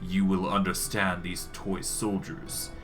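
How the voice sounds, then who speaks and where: Ancient undead king type, performed by a man: low, dry, pompous, contemptuous game villain, music underneath. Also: level tone, fairly bright tone. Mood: scornful. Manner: pompous, slow-burning disdain, formal diction. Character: proud, scornful old undead lich mentor. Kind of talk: acted reading of video game dialogue.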